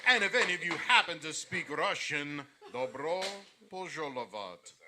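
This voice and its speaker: A man performing as a grand, theatrical lucha libre ring announcer, shouting drawn-out welcomes. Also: a little high, lively intonation, a crowd in the background, voice pushed up, lightly acted. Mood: booming, grand. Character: booming, theatrical bilingual wrestling ring announcer greeting the crowd.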